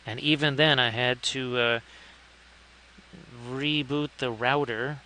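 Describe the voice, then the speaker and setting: A man's voice: medium pitch, fairly even intonation, takes it slowly, bright, forceful tone, a little hiss or hum. A man hosting a casual live stream, chatty, with wry asides and frequent thanks to viewers. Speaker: live-stream host painting miniatures.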